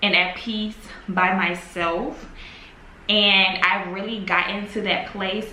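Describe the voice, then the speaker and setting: A woman in her twenties, talking to the camera in a casual, reflective vlog, musing slowly and trailing off with fillers at home. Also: medium pitch, sharp tone, a little hiss or hum. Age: 20s. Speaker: vlogger. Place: home, in the evening. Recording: echoey room with faint ambience.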